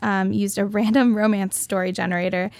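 A woman co-hosting a podcast in casual chat, explaining the game and adding quick quips. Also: mid-range voice, steady tone, darkish tone, dry recording. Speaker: podcast co-host.

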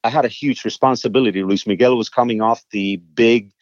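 A man with a mid-range voice tells a songwriter's stories in a relaxed interview, animated and prone to repeating words when excited. The sound is dry and a little dull, with no room around it. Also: medium pitch, a little fast, dry recording. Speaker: songwriter and guest. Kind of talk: casual interview storytelling.

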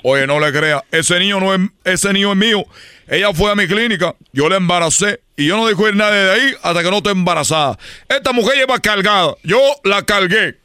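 Hombre haciendo voces agudas y cambiantes. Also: male voice, sits high, animated, brisk, sharp tone, clean tone. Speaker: radio comedy parody performer. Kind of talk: comic parody sketch.

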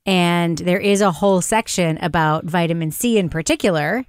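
A woman's voice: on the low side, normal speed, clean tone, no echo. Blunt woman hosting, dry studio sound. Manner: blunt, sweary, informal. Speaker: podcast host. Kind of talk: casual review podcast, partly scripted introductions.

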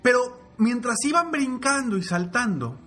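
Lively man telling a motivational fable. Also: a little slow, faint music behind. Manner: lively, repetitive, drops low and soft for the lesson. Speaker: motivational storyteller. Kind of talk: motivational storytelling.

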